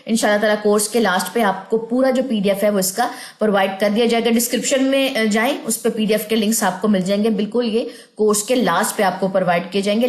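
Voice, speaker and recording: A woman teaching an online recitation lesson, explaining patiently and drawing out words slowly as she demonstrates. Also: mid-range voice, roomy sound. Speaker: tajweed teacher.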